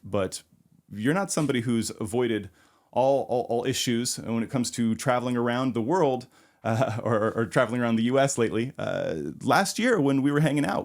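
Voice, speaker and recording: A man hosting a podcast who talks quickly in a fairly low voice. He rambles into his questions, repeating words as he goes. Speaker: podcast host. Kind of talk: interview.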